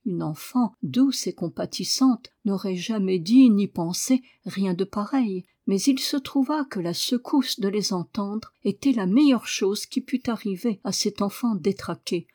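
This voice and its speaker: A woman reading a novel aloud as audiobook narration, measured and expressive. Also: medium pitch. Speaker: audiobook reader. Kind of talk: scripted narration.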